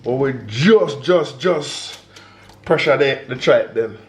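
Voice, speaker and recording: A man with a Jamaican accent hosting a relaxed cooking video, talking the viewer through each step and slipping into patois phrases. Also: medium pitch, takes it slowly, a little hiss or hum. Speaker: home cook and vlog host. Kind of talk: casual cooking demonstration. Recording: echoey kitchen with background music.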